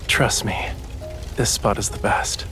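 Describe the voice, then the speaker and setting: An actor plays a young male artist in a romantic game, tender and teasing. He speaks softly, intimately, and without hurry, with faint music in the background.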